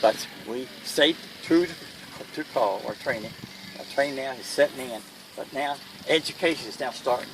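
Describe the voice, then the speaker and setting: A man's voice: medium pitch, moderate pace. Old guy w/ kentucky accent telling war memories, plain talk, bit far from the mic, lots of vehicle noise. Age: elderly, 80s or older. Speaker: World War II veteran being interviewed. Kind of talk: first-hand war recollection. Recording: noisy, distant mic, vehicle-like background noise.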